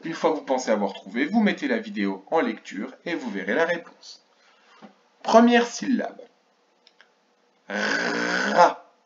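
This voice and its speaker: This man teaches kindergarteners remotely with big pitch swings in a medium-pitched voice, moving at a moderate pace while counting aloud and carefully sounding out syllables. The audio is lo-fi and dull.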